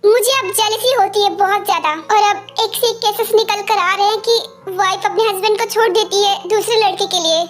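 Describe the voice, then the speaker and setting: A jealous young husband who scolds and accuses his wife and admits his insecurity, dubbed by an amateur fan performer. The voice stays very high for a husband, in a homemade fan-dub reading. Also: steady tone, a little fast, few pauses. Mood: jealous, hurt.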